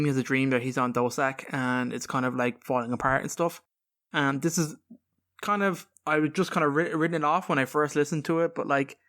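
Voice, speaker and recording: A man with a medium-pitched, fairly bright voice co-hosts a podcast, explaining video game lore. His style is casual, informal and rambling.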